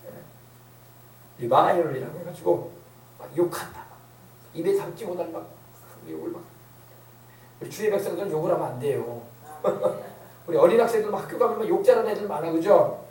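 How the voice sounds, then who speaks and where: A man's voice: on the high side, expressive, normal speed, long pauses, a little mellow, a little hiss or hum. A middle-aged man preaching a sermon as pastor, with rhetorical questions and emphatic repetition. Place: church sanctuary. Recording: echoey church hall, distant mic.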